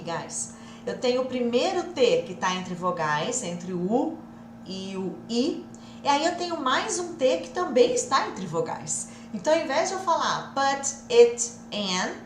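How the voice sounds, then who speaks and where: A Brazilian woman teaching a live English lesson, drilling phrases over and over in a lively, repetitive way. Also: on the high side, roomy sound, slight background noise. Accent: Brazilian Portuguese.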